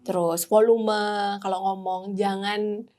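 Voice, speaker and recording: A woman, a radio announcer and MC, chatting casually as a podcast guest, lively and quick to laugh. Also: mid-range voice. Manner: lively, laughs often, cheerful.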